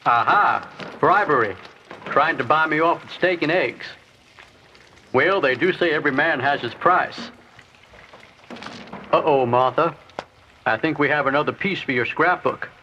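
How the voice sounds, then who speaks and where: An actor playing a kindly older farm father who teases gently, in a 1980s audio drama with a wry, folksy delivery. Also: fairly high pitch, unhurried, pauses often, a little hiss or hum. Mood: teasing. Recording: dull cassette sound with music.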